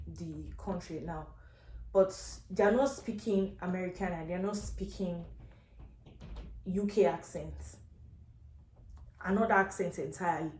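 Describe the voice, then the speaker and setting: A woman's voice: mid-range voice, warm tone. A woman with a Nigerian accent telling a casual story as a rant, exasperated and emphatic, repeating phrases for effect. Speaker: vlogger. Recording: echoey, reverberant room sound.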